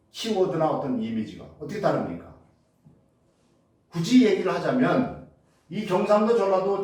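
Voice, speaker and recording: A man's voice: fairly high pitch, a little mellow. A male lecturer giving a public humanities talk, posing rhetorical questions and answering them himself, with many filler sounds. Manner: frequent filler sounds and restarts. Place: lecture hall. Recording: very echoey hall, distant mic.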